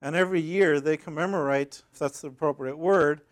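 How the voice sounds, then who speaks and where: Northern Irish man, librarian giving a conference talk, fairly high voice, measured, poses questions. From Northern Ireland. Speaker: academic librarian presenter. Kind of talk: conference presentation.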